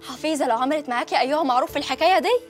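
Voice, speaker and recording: A woman's voice: high-pitched, very fast, faint music behind, close to an everyday voice. An actress with an Egyptian accent playing a practical village woman who soothes and advises her friend. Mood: consoling. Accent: Egyptian Arabic.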